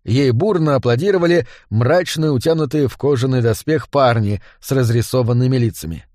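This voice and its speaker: A man narrating an audiobook in an expressive storytelling manner. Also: mid-range voice, fairly quick, dry recording, clean studio sound. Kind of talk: scripted narration.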